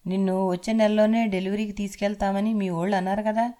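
A woman voicing a domineering young husband who talks in a loud, bossy way. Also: high-pitched, level tone, quick pace, close to an everyday voice.

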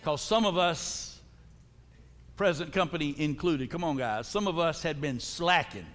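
A man preaching from the pulpit, playful and direct with his listeners. His voice sits a little high for a man. A long church reverb rings behind every phrase. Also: unhurried, a bit bright. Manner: humorous, calls out to the congregation. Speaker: pastor. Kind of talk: sermon. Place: church sanctuary.

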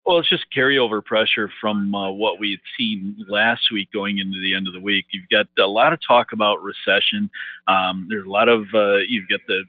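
Play a man talking over the phone, halting with many fillers as he explains markets. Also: on the low side, fairly even intonation, dry recording. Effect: heard over the phone. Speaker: market analyst guest. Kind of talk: market commentary interview. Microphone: telephone. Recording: dry tinny phone line.

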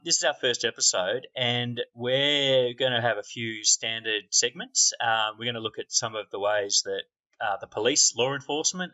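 Male podcast host, dry deadpan banter, bright voice, lo-fi sound. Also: medium pitch. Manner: dry, deadpan, self-mocking humor. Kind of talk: casual joking podcast chat. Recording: dull lo-fi sound.

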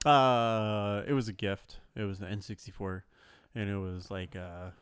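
A man's voice: lowish voice, steady tone, a little slow, smooth, dry recording. A man from Southern California chatting casually as a podcast co-host, laid-back, slangy and teasing. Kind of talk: casual chat.

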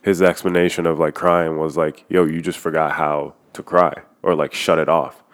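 Casual podcast guy, very deep voice, rambling and open, swears freely. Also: flat delivery, normal speed. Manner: loose and candid, heavy use of "like", swears freely. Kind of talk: casual personal chat.

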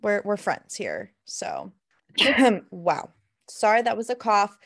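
A woman's voice: medium pitch, huge pitch swings, a little slow, creaky. A young woman hosting a podcast, playful and chatty with casual slang. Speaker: podcast host. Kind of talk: casual interview conversation.

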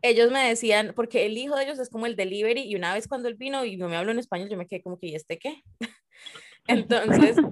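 Conversational woman, lively storyteller in a casual group talk. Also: a little high, fast talker.

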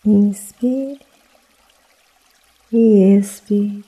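A woman guiding a sleep meditation in a soft, breathy, partly whispered voice, hushed and calming as if late at night. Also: medium pitch, very slow, narrow, tinny audio. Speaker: meditation guide.

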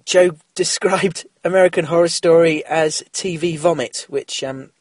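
Speaking a little slowly in a fairly high pitch, this middle-aged host from England runs a relaxed solo podcast out of a small mobile studio set up in a car. A cold makes him slightly nasal, there's no echo, and his talk rambles along with frequent fillers and restarts.

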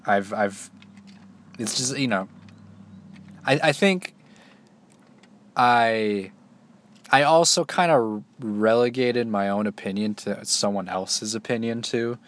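A young man in his twenties talking casually to the camera, loose and halting, with many restarts and fillers. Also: fairly low pitch. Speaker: solo vlogger. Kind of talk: casual rambling monologue.

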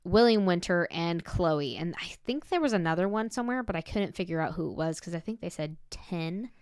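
A young woman with a light Southern accent, hosting a casual chat with quick asides and frequent laughs. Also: on the low side, animated, clear, resonant tone, dry recording.

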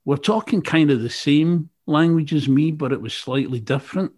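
A radio presenter from Glasgow, Scotland, with a Glasgow accent interviews an author in a casual chat, full of ums, fillers, and restarts. His voice is fairly high in pitch with a darkish tone at a moderate pace.

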